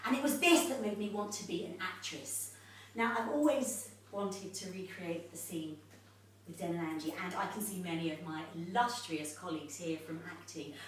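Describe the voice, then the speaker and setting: A woman's voice: lowish voice, normal speed, a little hiss or hum, natural voice. A woman playing a chatty, starstruck would-be actress who performs a live comic monologue in a living room for an audience. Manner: chatty, theatrical, laughs often. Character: starstruck would-be actress hosting her own evening. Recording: echoey room, mic far off.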